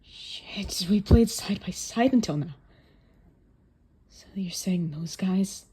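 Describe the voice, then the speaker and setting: A woman voicing a young male football player's inner thoughts in a hushed, tense whisper. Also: medium pitch, takes it slowly, husky.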